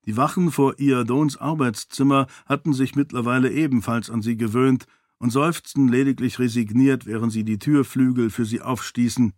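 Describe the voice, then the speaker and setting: A man's voice: mid-range voice, dry recording, studio quality. Man narrating a fantasy audiobook.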